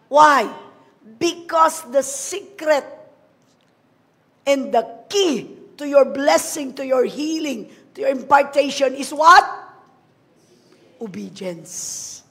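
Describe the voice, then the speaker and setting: A woman's voice: high voice, a bit bright. A middle-aged woman pastor with a Filipino accent, preaching a sermon in a mix of languages and calling the congregation to answer amen. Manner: preaching in Taglish, calling for amens.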